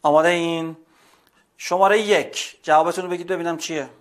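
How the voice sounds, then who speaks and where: A male English teacher leading a vocabulary lesson, reading English words slowly and then explaining them. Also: fairly high pitch, steady tone.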